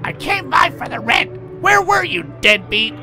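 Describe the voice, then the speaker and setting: A man voicing a pushy male landlord in a shrill falsetto while reading game text. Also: sing-song, moderate pace, over music. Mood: demanding.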